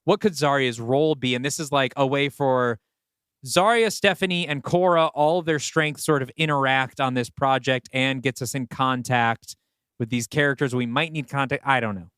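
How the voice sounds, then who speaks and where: Tossing around story ideas, this podcast co-host and writer speaks tentatively, as if working things out aloud in a casual creative session. He has a medium-pitched, slightly bright, clean voice at normal speed, captured in clean studio sound without room noise.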